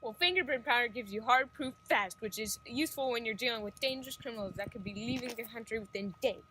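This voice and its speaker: A woman's voice: a little high, fast, sharp tone, slight background noise, rough recording. A woman voicing Les, a boastful policeman's son with a smug, show-off manner, in an amateur audio drama.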